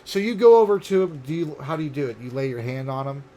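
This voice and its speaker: A man in his late thirties narrating as dungeon master, halting with fillers and restarts. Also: fairly high pitch, expressive, dark tone. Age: late 30s. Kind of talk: narrating a tabletop game.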